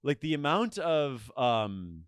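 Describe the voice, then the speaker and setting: A man's voice: mid-range voice, very animated, slow, no echo, studio quality. Stammering man in casual comedic chat. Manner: rambling, stammering restarts. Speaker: comedian podcast host.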